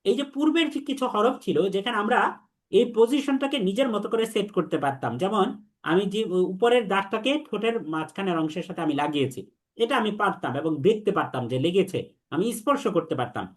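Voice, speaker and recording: A young man teaching Arabic letter pronunciation, repeating sounds slowly for students to echo back. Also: sits high, animated. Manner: slow, repetitive drilling, has students repeat after him. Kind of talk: online lesson on Arabic letters.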